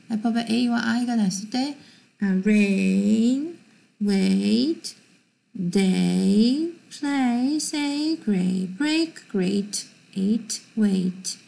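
A Korean-speaking woman teaching English pronunciation in an online lecture. She explains quickly in Korean, then reads the English example words and sentences slowly and deliberately. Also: a little high, gravelly, warm tone.

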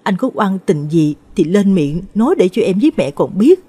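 A woman's voice: mid-range voice, very animated, normal speed, warm tone, breathy edge. A woman doing an anxious young mother. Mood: worried. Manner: worried, pleading.

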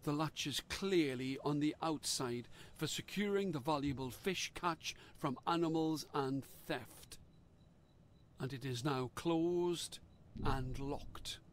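A man reading a dark gamebook aloud in a slow, measured storytelling manner. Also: fairly high pitch, slight background noise. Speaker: narrator.

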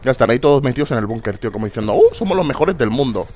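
A young man commentating his online shooter match, foul-mouthed and exasperated, bursting into shouts. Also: mid-range voice, sing-song, racing, slight background noise. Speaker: gameplay commentator. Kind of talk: casual gameplay commentary.

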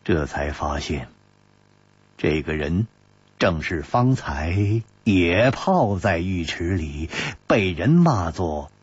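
Casting: male traditional storyteller, husky, very animated pitch, wry asides, dull lo-fi sound. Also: dry recording. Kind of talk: traditional Chinese storytelling narration. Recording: dull lo-fi audiobook recording.

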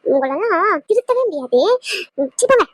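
Very high, huffy cartoon wife, voiced by a woman. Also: very animated, dry recording. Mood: scolding. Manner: scolding, fast, indignant. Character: huffy, scolding young wife. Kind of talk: cartoon voice acting.

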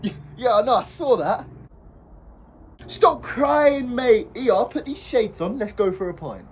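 A man's voice: extremely high pitch, lively intonation, unhurried, slight background noise. A man putting on a cheery, teasing laddish bloke. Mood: chummy. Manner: chummy, teasing banter.

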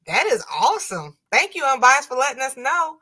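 A woman's voice: high-pitched, sharp tone, slightly rough. A woman hosting a casual livestream chat, reading viewer comments aloud and laughing often. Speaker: livestream host.

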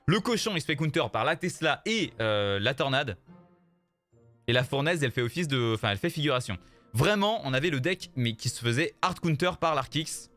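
Animated gamer streaming over music. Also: male voice, medium pitch, fairly quick. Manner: animated, joking, repeats himself, addresses viewers as "les gars". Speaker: streamer playing a mobile card game. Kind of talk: casual live game commentary. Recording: game music playing faintly behind.

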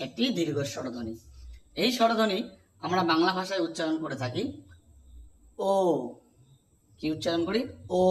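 A man teaching a pronunciation lesson, repeating each vowel sound slowly and asking the class to say it back. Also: fairly high pitch. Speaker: Sanskrit teacher.

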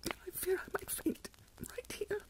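In a whispered, close-mic ASMR roleplay recorded indoors in bed, a woman plays an older Regency mother who frets, pities herself, and heaves dramatic sighs. She speaks at a measured pace, with light acting.

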